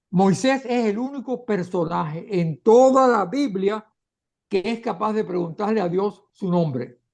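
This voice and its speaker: A man's voice: high-pitched, vocal fry, a little mellow. A man teaching a Bible class, reading scripture passages aloud and explaining them step by step. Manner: explanatory, reads scripture aloud then comments, occasional restarts. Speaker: catechist.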